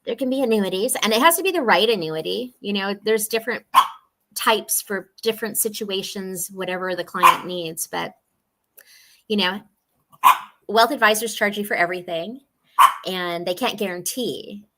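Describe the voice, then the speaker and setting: A woman in her forties with a medium-pitched voice talks at a moderate pace over a very noisy video call from home, where a dog barks nearby. She's a financial specialist giving a casual interview, earnest and quick to laugh, with warm, chatty explanations.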